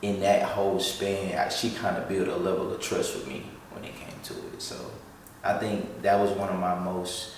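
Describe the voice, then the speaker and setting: A man's voice: low-pitched, monotone, normal speed, slight background noise. A man, joking around in a laid-back way while answering follower questions beside his partner. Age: 20s. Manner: joking, laid-back, says bro and y'all. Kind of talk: casual chat. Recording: echoey room, mic at a distance.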